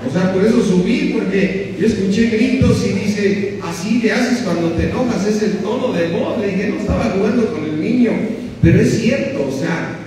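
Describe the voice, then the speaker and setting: A man's voice: sits high, normal speed, darkish tone. An older man preaching a conversational sermon as pastor, often asking the congregation short questions and acting out voices. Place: church hall. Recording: very echoey hall from far off, faint noise.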